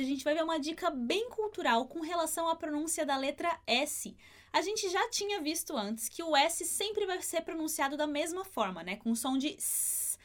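A woman leads a language lesson in a high, light voice. She explains clearly and patiently, slowing right down whenever she demonstrates a sound. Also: a bit bright. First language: Portuguese. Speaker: Spanish pronunciation teacher.

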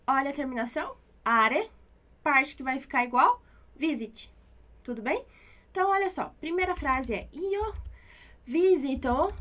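A woman with a Brazilian Portuguese accent teaches an Italian lesson in a high, light voice. She goes slowly and patiently, repeating each example. She keeps checking that the listener is following. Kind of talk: online language lesson.

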